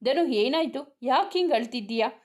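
A loyal young male friend from a spoken story, played by a woman reading. He sounds worried and urgent, then reassuring, in a fairly high voice. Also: expressive, normal speed.

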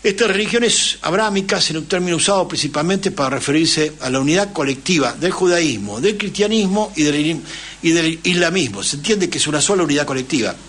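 A man's voice: fairly high pitch, lively intonation, a little fast, a bit bright, slightly rough. A man with an Argentine accent, hosting a radio talk show and lecturing at length, often checking in with his listeners. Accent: Argentine Spanish. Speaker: radio host.

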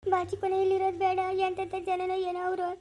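High fast-talking Kannada village woman. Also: monotone, dark tone. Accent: Chikkaballapur Kannada. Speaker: actor in a village family drama. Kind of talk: dramatized village skit.

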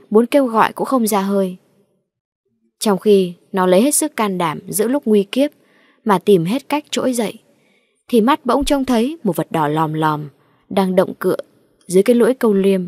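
A woman narrating a ghost story with a slow, measured, dramatic reading. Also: medium pitch, a little mellow, no room sound.

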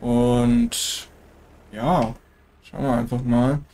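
Speaking very slowly in a mid-range voice, a let's play gamer with a German accent and a cold-blocked nose chats through his farming game. The gameplay commentary is casual and relaxed, peppered with filler tags.

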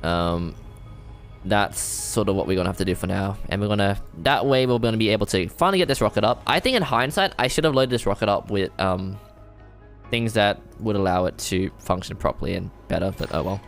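A man giving casual let's-play commentary, thinking aloud, excitable and self-deprecating as he works things out. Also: on the low side, brisk, creaky. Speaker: gamer playing a strategy game. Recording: faint game music behind.

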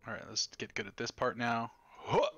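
Male streamer, excitable and foul-mouthed, bright tone, dry close mic. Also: mid-range voice, fairly quick, no room sound, dull audio. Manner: profane, excitable, talks to chat. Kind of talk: casual live gameplay chat.

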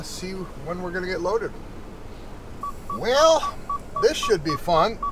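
A middle-aged man, a truck driver, chatting casually and joking to himself while driving in his cab. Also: high voice. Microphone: camera mounted in cab. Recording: loud road and engine noise.

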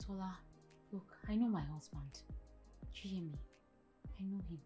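An actress playing a frustrated young wife with a Nigerian accent, talking emphatically. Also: female voice, mid-range voice, measured pace, mellow, soft background music, natural voice. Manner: exasperated, emphatic.

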